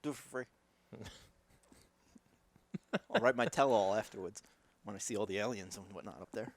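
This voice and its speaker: A man with a New York accent co-hosting a podcast, answering in a relaxed, joking way. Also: on the low side, moderate pace, dry recording. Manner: laid-back, joking, easygoing answers. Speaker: podcast co-host. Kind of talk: casual banter.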